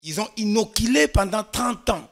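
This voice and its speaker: A man's voice: high voice, normal speed, a bit bright, soft background music. A man from Congo, a guest expert on a political talk show, explaining at length with emphasis and frequent restarts. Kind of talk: studio political discussion.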